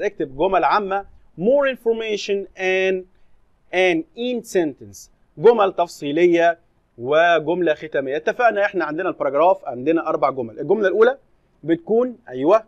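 Man, Egyptian Arabic accent, English teacher, slow careful reading, high pitch, dry lo-fi sound. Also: lively intonation, no echo. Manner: reads English slowly, then explains in Arabic. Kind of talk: recorded classroom lesson explanation.

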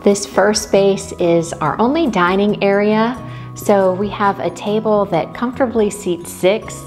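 Woman, home tour voice-over, homey and unhurried, soft music underneath. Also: medium pitch. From Texas. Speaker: home vlogger. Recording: faint background music.

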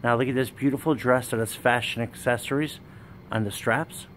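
A man walks a warehouse with his phone, pitching his stock in a plain, steady way and naming items one after another. His voice sits at an ordinary middle pitch. A faint background hum runs under the recording. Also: normal speed. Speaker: wholesale business owner. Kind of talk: walkthrough sales pitch. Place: indoor warehouse with dress racks. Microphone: handheld phone camera, speaker off screen.

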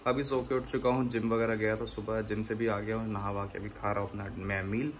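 A man's voice: on the low side, level tone, quick pace. A young man chatting casually as he vlogs while running errands, joking with shopkeepers. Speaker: vlogger. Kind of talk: casual vlog narration. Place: shops and roadside, outdoors and in a store. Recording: noisy street and store.

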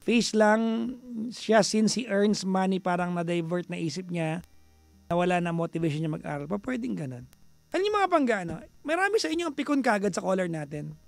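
A man with a Filipino accent hosting a radio call-in show, chatty and teasing, mixing Tagalog and English, now and then bursting into loud exasperated rants. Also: high voice, creaky, dry recording. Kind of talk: casual radio talk with listeners.

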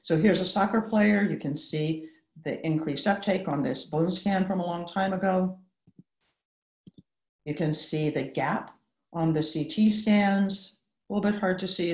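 A middle-aged woman, a sports medicine doctor, giving a measured, explanatory webinar lecture over a video call. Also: low voice, a little mellow. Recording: roomy echo.

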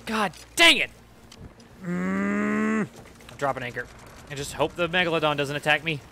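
A young man streaming a video game, excitably talking to himself as he plays. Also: fairly high pitch, normal speed, vocal fry, slight background noise. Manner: excitable, talks to himself while playing. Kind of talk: live gameplay commentary.

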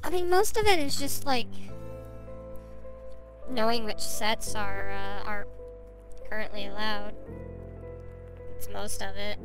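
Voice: medium pitch, slow, long pauses, poor audio. Voice-changed streamer over music. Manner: chatty, rambling, with filler words. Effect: voice changer on the mic. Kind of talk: casual stream chat reading viewer messages.

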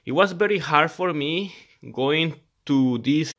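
A man's voice: on the high side, takes it slowly, a bit bright. A man in his thirties from El Salvador with a Salvadoran Spanish accent, a mechanic talking earnestly to his channel's viewers in simple phrases with frequent restarts. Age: 30s. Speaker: mechanic YouTuber. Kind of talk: casual talk to camera. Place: indoors at a laptop.

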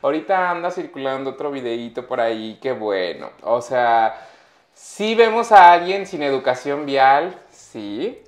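A man's voice: mid-range voice, big pitch swings, unhurried. A man with a Mexican accent, co-hosting a casual gossip chat with a teasing, joking manner. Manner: teasing, joking, laughs often. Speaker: gossip show co-host. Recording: roomy echo.

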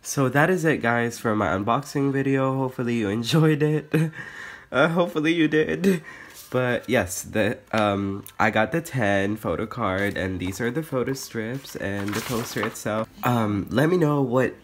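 A young man vlogging an unboxing in a casual chat, gushing and excitable, often squealing. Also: medium pitch, measured pace.

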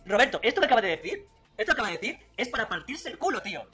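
A man's voice: extremely high pitch, sing-song, very fast, bright, forceful tone, breathy edge. A man, mocking a rival in a video commentary with sarcasm and laughter, faint music behind. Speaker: political commentator.

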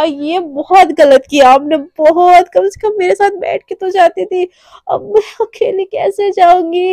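A woman's voice: high-pitched, mellow, no room sound, clean studio sound. A woman narrating a romance story casually, chatty and full of fillers. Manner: chatty, with many fillers and restarts.

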